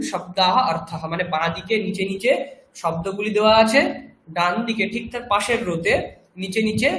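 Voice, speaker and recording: A man teaching a Sanskrit lesson in Bengali-accented speech, patiently explaining pronunciation and slowly repeating words for students to copy. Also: high-pitched, a bit bright. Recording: echoey room with faint background noise.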